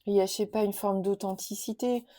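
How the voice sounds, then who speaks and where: A woman chats warmly through her favourite oracle cards, her voice mellow and dark-toned. She talks gently and enthusiastically, padding her sentences with small fillers. The sound is dry and close, with no room echo. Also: mid-range voice, steady tone, brisk. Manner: chatty, many fillers and "hein". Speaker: tarot and oracle card youtuber. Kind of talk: casual card-showing tag video.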